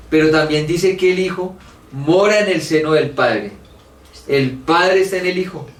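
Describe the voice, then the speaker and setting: Man teaching theology in an echoey room. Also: on the high side. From Colombia. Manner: earnest, thinking aloud, acts out both sides of a debate. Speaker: Bible study teacher. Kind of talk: church theology class. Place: church meeting room. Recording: echoey room from far off, faint hiss.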